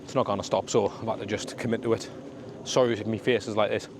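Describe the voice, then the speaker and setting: A man's voice: on the low side, level tone, fast. A man with a Sunderland accent chatting casually as he vlogs outdoors on the street, in a matey way full of regional slang. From Sunderland, north-east England. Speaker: travel vlogger. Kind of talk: casual walking vlog chat to camera. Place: outdoors on a suburban street in the rain. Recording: outdoor street and traffic noise.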